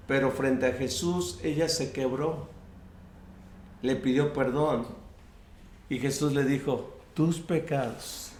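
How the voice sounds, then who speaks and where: A man's voice: on the high side, slight background noise. A man preaching a sermon as pastor, acting out prayers and quoted speech, often restarting his phrases. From US-Mexico border region. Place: church sanctuary. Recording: echoey church room.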